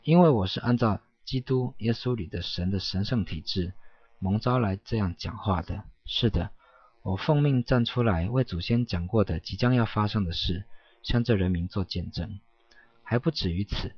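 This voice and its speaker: A man giving a solemn scripture reading in a preaching cadence, with steady emphatic affirmations. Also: on the low side, husky, dry recording. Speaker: scripture reader. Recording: dull, dry lo-fi recording.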